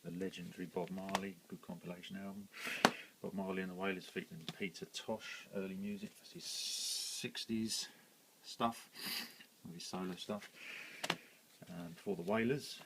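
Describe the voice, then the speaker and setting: Heavy background noise surrounds this British-accented man as he walks through his records in a laid-back show-and-tell vlog. His voice is low and his tone steady at a moderate pace, though he rambles, says "um" a lot, and keeps correcting himself.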